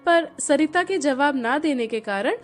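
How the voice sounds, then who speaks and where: A woman narrating a storybook tale with a high, very animated pitch. Her delivery is expressive and bright with inflection. Faint music plays under her voice. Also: unhurried.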